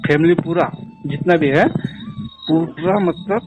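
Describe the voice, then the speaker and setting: A young man telling a personal story in casual chat, animated, laughing often and acting out the dialogue. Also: fairly high pitch, slow pace, noisy background. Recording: dull lo-fi sound with faint music.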